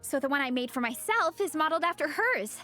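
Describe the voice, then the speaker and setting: Eager young club captain. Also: female voice, high voice, animated, fast talker, sharp tone, faint music behind. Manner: enthusiastic, earnest. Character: eager young woman leading a fan club. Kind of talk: game dialogue.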